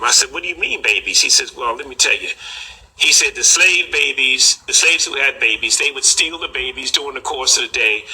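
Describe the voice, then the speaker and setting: An older man telling a personal story in an unhurried, halting way, with frequent pauses and fillers. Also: mid-range voice, bright, forceful tone, husky, rough recording. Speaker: collector recounting a story.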